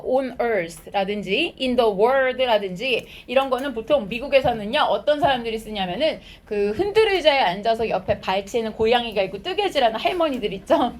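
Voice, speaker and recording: A woman teaching high school English, explaining a textbook passage in a lively lecture and reading out English phrases as she asks her students questions and answers them herself. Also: a little hiss or hum. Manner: switches between Korean explanation and English phrases.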